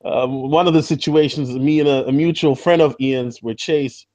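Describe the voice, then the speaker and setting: A man hosting a casual live-stream interview over a video call, his audio choppy and lo-fi from a bad connection, talking in a halting way with many fillers. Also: mid-range voice, steady tone, a little mellow, dry recording. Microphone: video call from a backup laptop.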